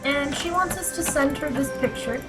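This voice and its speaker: A woman streamer chats casually and unhurriedly with her viewers while she plays a game. Her voice sits high, the audio quality is poor, and loud game music plays behind her.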